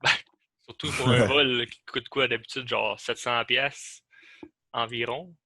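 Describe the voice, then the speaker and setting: A man's voice: mid-range voice, fairly even intonation, a little slow, vocal fry, sharp tone, dry recording. A man, co-hosting a podcast in casual, loose chat that mixes in English slang.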